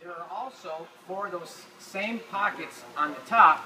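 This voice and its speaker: In a high, unhurried voice that sounds pushed and bright, a man narrates a hands-on assembly, giving informal, practical steps as he goes. There's noise in the room, and his distance from the mic is inconsistent.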